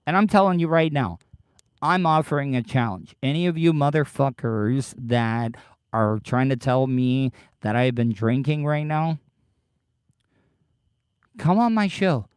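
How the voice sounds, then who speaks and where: A man hosting a casual livestream, talking haltingly and defensively with profanity, his speech slightly slurred as if his lip is full of dip. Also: mid-range voice, clear, resonant tone, no room sound, studio quality. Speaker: podcast livestream host. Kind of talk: casual livestream chat, answering live commenters.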